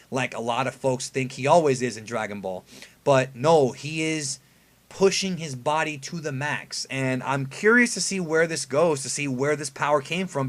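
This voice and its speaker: An anime review video host with a voice on the high side and a fairly bright tone comments on an episode preview. The tone is casual fan talk, and he leans on emphasis and keeps asking rhetorical questions.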